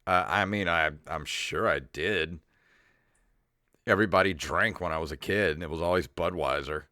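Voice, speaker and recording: Recorded dry with clean studio sound, this middle-aged man hosts a comedy podcast in a low-sitting, pushed, bright voice at normal speed. He talks casually, reads aloud, rambles, swears, and sounds mildly exasperated over royalty-free synthesizer music.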